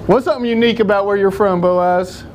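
A man's voice: sits high, steady tone, fast talker, a little hiss or hum. A man teaching a church class in a casual, joking, rambling way. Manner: joking, rambling, self-deprecating.

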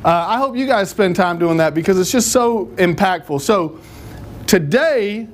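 A man's voice: sits high, animated, moderate pace. A man teaching a church class in a casual, joking, rambling way. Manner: joking, rambling, self-deprecating.

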